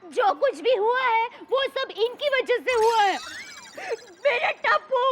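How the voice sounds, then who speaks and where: A woman's voice: very high voice, lively intonation, music in the background, full character voice. A woman voicing a dramatic, weepy young mother in a cartoon, drawing out her words in wails. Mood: complaining. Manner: drawn-out wailing.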